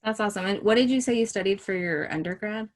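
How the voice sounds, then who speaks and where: A woman's voice: medium pitch, fast, a little hiss or hum. A woman hosting an interview show who asks short, friendly questions. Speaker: podcast host.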